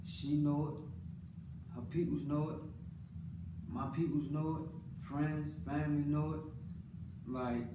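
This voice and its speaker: Speaking slowly and pausing often, an American man with a slightly high, flat voice gives an unscripted monologue about his life as a father. He's earnest and colloquial, repeating phrases to drive points home. Background noise is clearly audible on the roomy, distant recording.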